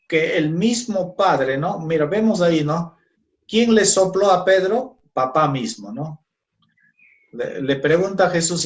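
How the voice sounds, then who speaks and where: A man teaching a Bible class on Christology, who keeps checking in with his students by asking "¿ya?" and "¿no?". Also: fairly high pitch. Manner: slow, checks in with "¿ya?" and "¿no?".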